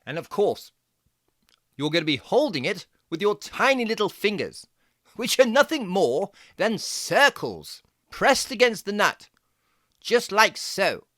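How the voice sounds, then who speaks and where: A performer voicing a jaunty, fussy fox who gives playful, step-by-step drawing lessons for children in a theatrical, deliberate, encouraging way. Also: mid-range voice, very animated, fairly bright tone, no room sound, clean studio sound. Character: Foxy, jaunty, fussy cartoon fox art teacher. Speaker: presenter of children's drawing tutorial.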